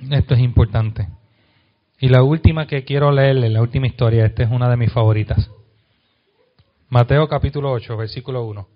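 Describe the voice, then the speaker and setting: A pastor with a Puerto Rican accent preaching a sermon, asking the congregation questions and reading scripture aloud. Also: male voice, fairly even intonation, brisk, long pauses, dull audio. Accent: Puerto Rican Spanish. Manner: reads scripture aloud, dropping soft and low on key lines.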